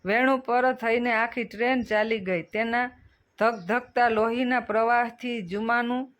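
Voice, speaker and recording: A storyteller giving a steady, measured reading of a scripted short story. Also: medium pitch.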